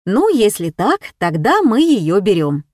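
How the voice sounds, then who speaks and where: A woman reading aloud voices a patient father, speaking calmly and reassuringly to his small daughter. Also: medium pitch, a little slow, no echo, studio quality. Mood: gentle. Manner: calm, soft and reassuring.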